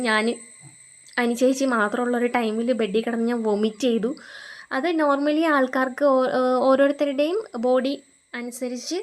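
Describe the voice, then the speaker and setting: A young woman, telling her own story in a relaxed, conversational way. She pauses on fillers and starts over now and then, and her voice sits a touch higher than most women's. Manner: conversational, frequent fillers and restarts. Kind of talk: casual personal storytelling.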